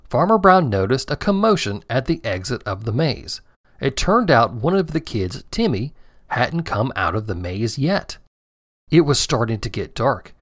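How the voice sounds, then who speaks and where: A man narrating a children's story in a gentle, expressive storytelling manner. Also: mid-range voice, dry recording, clean studio sound.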